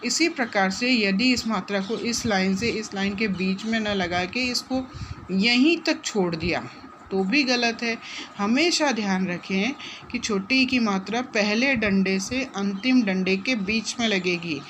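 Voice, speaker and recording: A woman teaching a phonics lesson to young children, gently repeating and drawing out syllables and asking the class questions. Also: medium pitch, unhurried, slight background noise. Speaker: primary school teacher.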